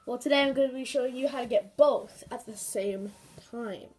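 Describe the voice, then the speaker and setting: A sniffly woman with a cold casually guides viewers through a handheld game, rambling with fillers and asides like the gaming YouTuber she is. Her voice sits a little high and is somewhat mellow and slightly rough, moving at a normal speed.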